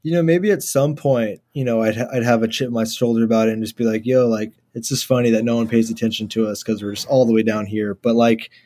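Laid-back young man, mellow low voice. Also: fairly even intonation, fast, few pauses. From Houston, Texas, USA. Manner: laid-back, many fillers like "like" and "uh". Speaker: guest musician. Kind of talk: casual interview chat.

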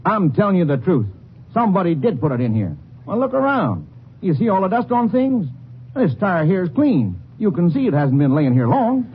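In a 1950s radio drama, an actor with a high, sing-song voice plays a defensive man accused of insurance fraud, speaking at normal speed. He protests insistently that he's innocent, and the old broadcast sounds muffled and full of hiss.

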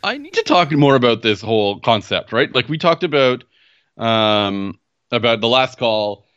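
A man's voice: mid-range voice, big pitch swings, moderate pace, fairly bright tone, smooth, muffled recording. A man co-hosting a podcast, chatting casually and asking questions while searching for words. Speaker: podcast co-host.

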